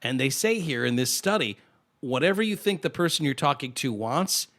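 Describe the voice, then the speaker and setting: Man, podcast host, from the US, very expressive pitch, joking and riffing. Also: moderate pace, vocal fry. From United States. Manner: animated, laughing, riffing. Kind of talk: casual comedic podcast talk.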